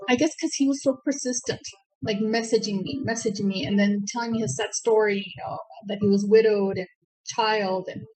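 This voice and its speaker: Older lady chatting low-key, lots of quiet "wow"s, even middle voice. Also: fairly quick, soft background music, rough recording. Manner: soft-spoken, repeats "wow". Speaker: scam victim. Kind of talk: casual conversation.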